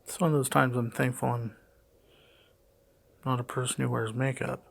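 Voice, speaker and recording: Middle-aged man, heavy breathing, deep vocal fry, monotone, puzzled matter-of-fact commentary, improvised narration. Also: normal speed. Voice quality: gravelly, creaky. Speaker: father doing a voice-over for his daughter's makeup video. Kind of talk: unscripted play-by-play narration.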